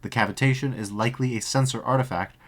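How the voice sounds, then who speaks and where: A man's voice: mid-range voice, quick pace, a bit bright, slight background noise. A man streaming, reading a dry report aloud and breaking off for profane, jokey asides.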